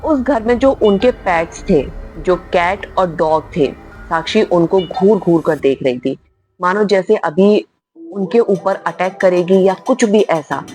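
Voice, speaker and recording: A woman's voice: on the low side, measured pace, a little mellow. A woman narrating a spooky horror story in a dramatic, emphatic way, often stressing how very scary things were. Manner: dramatic, repeats "very much" for emphasis. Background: faint music.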